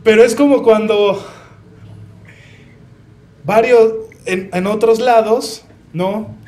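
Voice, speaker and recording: A young man with a Mexican Spanish accent delivers a church sermon in a high, light voice. He talks slowly and earnestly, sharing his own story with the congregation. He checks in with his listeners through rhetorical questions. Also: fairly even intonation, a little mellow. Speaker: preacher.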